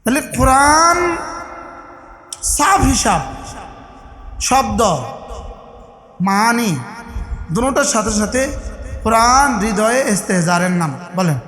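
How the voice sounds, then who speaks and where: Bangladeshi male preacher, high voice, shouts for emphasis, quizzes the crowd, recorded in a big reverberant space. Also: expressive, takes it slowly, pauses often. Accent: Bangladeshi Bengali. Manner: calls on the crowd to answer back, rising to shouted emphasis. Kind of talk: sermon at a religious gathering. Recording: echoey hall, sound system.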